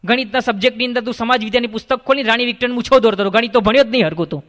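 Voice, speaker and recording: A man's voice: high-pitched, animated, fast talker, pitched below the performer's own voice. A man voicing a young village man who teases his friend for being bad at math. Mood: teasing. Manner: teasing, scolding. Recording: long hall reverb.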